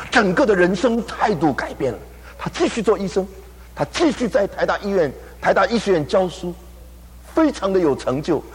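A man with a husky, fairly high voice preaches a sermon. He tells his story with animation and acts out the people in it. A long hall reverb trails behind every phrase.

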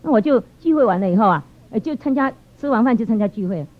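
A woman giving a lively church testimony, telling stories with animated expression. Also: fairly high pitch, quick pace. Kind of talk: storytelling testimony. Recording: dull lo-fi sound.

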